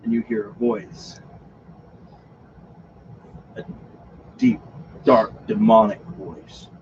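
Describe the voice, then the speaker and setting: A man's voice: fairly low pitch, slow pace. A man running a tabletop game as game master, narrating scenes with dramatic pacing. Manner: lively, dramatic narration with laughter. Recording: dull lo-fi recording with background noise.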